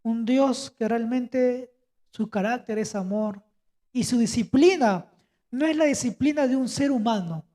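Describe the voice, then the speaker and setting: A man's voice: extremely high pitch, measured pace, dark tone. Young guy sharing at church bible study, earnest, keeps going "no?" after stuff. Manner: earnest, tags phrases with "¿no?". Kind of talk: casual Bible study comment.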